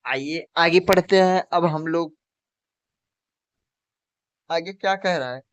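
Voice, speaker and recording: A man's voice: fairly high pitch, slow, clear, resonant tone, no echo. A man teaching a lesson for exam preparation, who asks questions and answers them himself and keeps calling the viewer his friend. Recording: dull, lo-fi recording.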